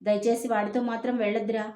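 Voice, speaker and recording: A grieving old grandfather pleads through tears, his voice pitched fairly high because a woman narrator puts him on. He begs again and again. The room around him is echoey. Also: little pitch movement, fast talker, dark tone, natural voice. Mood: begging. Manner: pleading, tearful.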